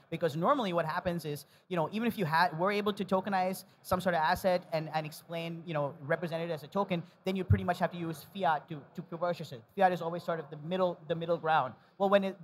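A man's voice: on the high side, a little hiss or hum. A man speaking on a conference panel, explaining his points.

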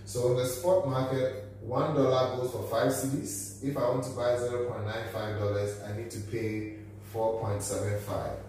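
Recorded by a camera set well back, a man in his thirties teaches finance at a whiteboard in a small office, methodically going through the numbers one step at a time. His mid-range voice is a little mellow, with fairly even intonation and a moderate pace, while the room echoes, a faint hum runs underneath, and he sounds off-mic.

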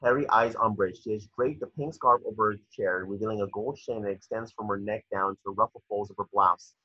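A male narrator with a husky, forceful low voice reads stage directions at a screenplay table read, held over a video call from home. He keeps a steady tone at a slightly fast pace, and the call audio is dull and lo-fi.

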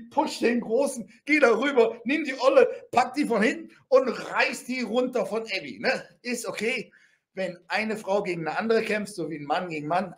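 A man telling a rough anecdote in a casual, blunt way, full of crude slang, tag questions and sound effects. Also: sits high. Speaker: storyteller.

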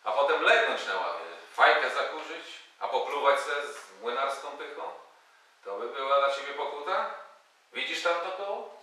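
A man's voice: medium pitch, animated, normal speed, pushed and bright. A man voicing a hot-tempered, cocky male soldier who scolds, hurls insults and sings, in a stage reading of a play. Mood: mocking. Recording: echoey hall from far off.

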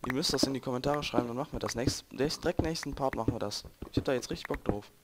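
Gravelly young German gamer, joking. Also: male voice, medium pitch, racing. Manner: chatty, joking, talks to viewers. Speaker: let's play gamer. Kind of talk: casual gameplay commentary. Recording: noisy home recording.

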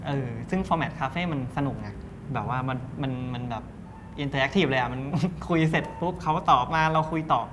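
A young man, a tea cafe co-owner, chatting in an interview and explaining things step by step in a loose, easygoing way. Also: mid-range voice. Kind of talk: casual interview.

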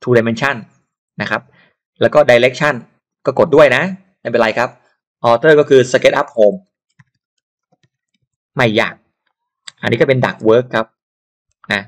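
A man giving a casual software tutorial who chats and digresses into advice while working. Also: medium pitch, takes it slowly, pauses often. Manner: chatty, digresses into advice and asides.

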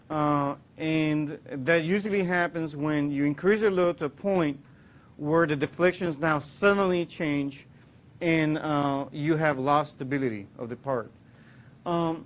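A man from Puerto Rico, in his thirties, giving a classroom engineering lecture, explaining with many fillers and restarts. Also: a little high. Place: lecture hall.

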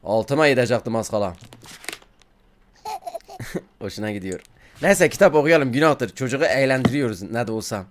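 A man's voice: mid-range voice, very animated, normal speed, long pauses, slight background noise. A man giving casual gameplay commentary, joking, talking to the game's baby and yelping when startled. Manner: jokey, talks to the game baby, yelps when startled. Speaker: gaming YouTuber.

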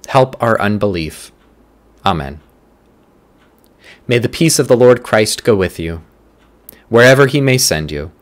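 A man reading scripture and leading prayers for a church's morning prayer, in a measured, deliberate way, phrase by phrase. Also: fairly low pitch.

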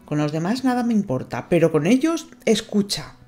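A woman's voice: medium pitch, animated, mellow, faint music behind, pitched above the performer's own voice, lightly acted. Woman doing a sullen jealous sailor boy. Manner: halting, strained, jealous.

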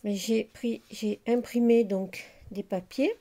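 A middle-aged woman hosting a casual crafting video, chatty and unhurried with many fillers as she shows her handmade work. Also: on the high side, fairly even intonation, mellow. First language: French. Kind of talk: casual crafting show-and-tell.

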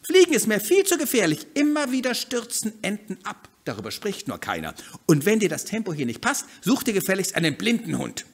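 A man's voice: high-pitched, big pitch swings, a little fast, husky, pitched above the performer's own voice, exaggerated voice. A man voicing a lame, cautious duck on a walking stick, with a raised, fussy, prim voice and a pedantic, long-winded manner in a read-aloud storybook. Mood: snippy.

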